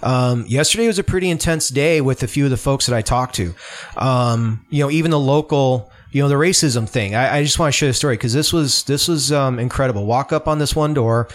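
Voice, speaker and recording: A man's voice: mid-range voice, brisk. A man being interviewed as a political candidate, talking in an earnest, rambling way with many false starts, in a home room. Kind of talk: casual podcast conversation. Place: home room with open window.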